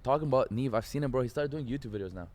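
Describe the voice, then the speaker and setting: A man's voice: mid-range voice, racing, a little mellow. A young man co-hosting a podcast, chiming in with short reactions and slangy exclamations. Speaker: podcast co-host. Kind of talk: casual chat.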